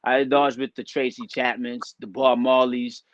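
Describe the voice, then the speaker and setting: A man's voice: mid-range voice, level tone, normal speed, dry recording, highs cut off. A man from Liberia, a rapper, talking in a laid-back, conversational way as an interview guest. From Liberia, West Africa. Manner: laid-back, conversational, says "you know what I mean" a lot. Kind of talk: casual interview talk.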